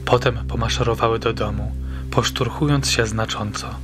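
A man reads a dark short story aloud in a measured, suspenseful way. His voice sits at an ordinary male pitch, and soft music hums faintly behind the narration. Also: steady tone. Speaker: audiobook narrator. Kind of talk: scripted audiobook narration. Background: faint background music.

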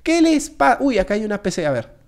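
A man giving jokey, excitable gameplay commentary straight to his viewers. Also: sits high, a little fast, vocal fry. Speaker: gaming video creator.

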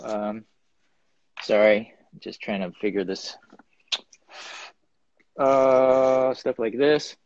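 The guest ceramic artist takes it slowly, pausing often, in a mid-range, slightly mellow voice as he casually rambles with lots of ums and shows his pottery over a live stream. Heard through a phone or webcam, the audio is dull with no room sound.

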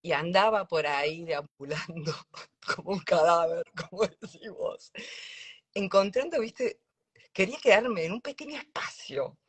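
A woman's voice: fairly low pitch, unhurried, husky. A woman host, telling a personal story in a heartfelt, casual chat.

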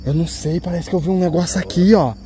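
A man's voice: high-pitched, fairly even intonation, fast, a little hiss or hum. A man with a Brazilian Portuguese accent, hosting a paranormal investigation vlog outdoors at night, talking in an anxious, exclamatory way and pointing things out as he goes. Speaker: paranormal investigator, channel host. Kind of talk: live ghost-hunting vlog commentary. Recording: loud crickets and insects behind.

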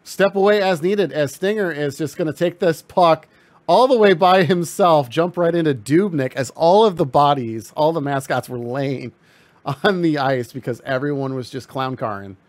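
A man giving casual, excitable play-by-play commentary on a hockey video game stream, laughing often. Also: fairly high pitch, normal speed, no echo.

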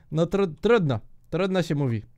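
A young man giving joking, excitable commentary while he plays a multiplayer block-building minigame, often shouting at other players. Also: on the high side. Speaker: gaming YouTuber.

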